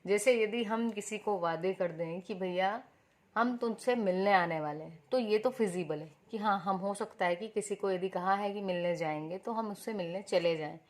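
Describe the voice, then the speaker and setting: Woman, teacher, explanatory lesson, rhetorical questions, medium pitch. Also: normal speed.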